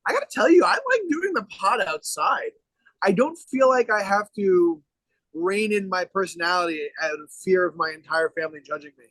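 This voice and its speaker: Brash high-voiced man swearing freely. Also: expressive, normal speed, fairly bright tone, no echo, poor audio. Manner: brash, rambling, swears constantly. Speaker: podcast co-host. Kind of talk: casual profane chat. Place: outdoors.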